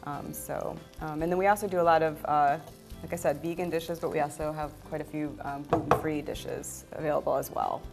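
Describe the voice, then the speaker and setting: A woman's voice: low-pitched, fairly even intonation, a little fast, loud music behind the voice. Hesitant middle-aged woman, restaurant owner. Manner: hesitant, lots of ums, earnest. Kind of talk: TV cooking segment. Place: indoor TV studio kitchen set.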